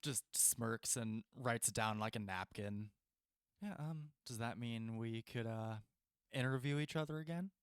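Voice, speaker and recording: A man's voice: mid-range voice, unhurried, clean tone, dry recording, studio quality. A man narrating a tabletop game as game master, chatty, with frequent laughs and fillers.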